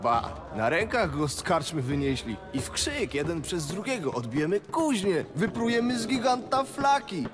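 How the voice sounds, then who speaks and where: An earthy, middle-aged fantasy-game innkeeper. The voice is slightly high and hearty, chatting in a folksy way over clear background music. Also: male voice, very animated, normal speed, hardly any pauses. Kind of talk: fantasy video game voice acting.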